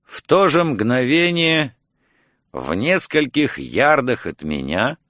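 Man reading a story aloud, slow and really expressive, dry close sound. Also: medium pitch, dry recording. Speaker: audiobook reader. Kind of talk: scripted narration.

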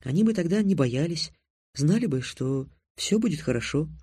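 A man's voice: a little high, big pitch swings, moderate pace, darkish tone, breathy edge, no room sound, studio quality. A man reading as a teasing young girl.

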